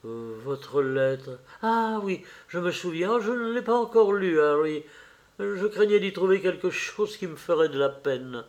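A man's voice: high voice, lively intonation, unhurried, voice pushed up. A man reading an audiobook voices an earnest, impulsive young man who speaks with heightened emotion. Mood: pleading.

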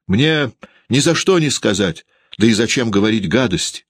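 A man's voice: fairly low pitch, lively intonation, normal speed, no room sound, voice pushed up. A man voicing a shy but stubborn teenage schoolboy. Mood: defensive.

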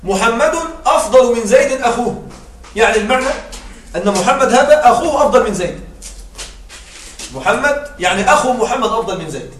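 A man teaching an Arabic grammar lesson who explains step by step, repeats his examples and keeps checking with quick rhetorical questions. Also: very high voice, lively intonation, roomy sound, recorded from a distance.

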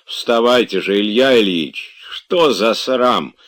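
A man with a low voice, voicing a grumbling elderly male manservant in an audiobook, coaxing and exasperated. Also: expressive, measured pace, a bit bright, heavily acted.

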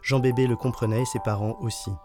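A man narrating a children's bedtime story in a playful, lively way. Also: medium pitch, fast. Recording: clear background music. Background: music.

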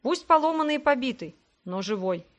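A woman narrating a fantasy audiobook in the first person, in an even storytelling manner. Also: high voice, brisk.

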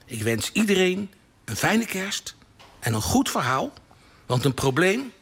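A man's voice: high-pitched, unhurried, husky. Een man van in de vijftig uit Nederland die op een levendige, theatrale manier een kerstverhaal voorleest. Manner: animated, theatrical reading with lively voiced dialogue. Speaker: columnist reading a Christmas story. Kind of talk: scripted storytelling read aloud. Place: live radio broadcast from a hall.

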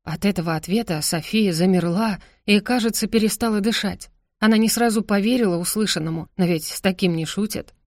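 A woman reads a novel aloud with steady, expressive storytelling. Her voice sits at an ordinary middle pitch, recorded dry and close with no room sound. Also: fairly quick, no echo. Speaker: audiobook narrator. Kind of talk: scripted narration of a novel.

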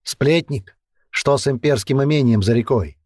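A man's voice: mid-range voice, moderate pace, darkish tone, no echo, studio quality, voice pushed up, close to an everyday voice. A man voicing a burly, coarse male commander who barks his orders. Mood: commanding. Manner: barking, boisterous.

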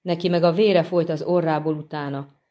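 A woman voicing a chatty, grateful middle-aged peasant man in an audiobook, talking in a folksy, animated way. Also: low-pitched, natural voice. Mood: earnest. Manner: folksy, animated, respectful to his master. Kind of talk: audiobook reading.

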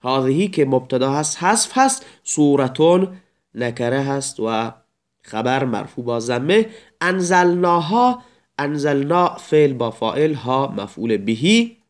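A man's voice: mid-range voice, animated. A man teaching Arabic grammar in a recorded lecture, explaining step by step and reciting examples in a raised voice.

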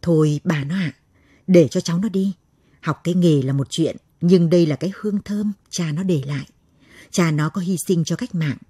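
A quietly wise old village grandfather, read by a woman storyteller talks in a low, steady, persuasive voice. The tone is husky and mellow, and it sounds close and dry. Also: no echo.

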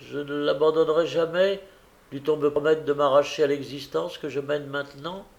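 A man's voice: a little high, fairly even intonation, moderate pace, gravelly, a little mellow, muffled recording. A man reading the part of a desperate, remorseful young woman who pleads through tears, in a fervent, anguished way.

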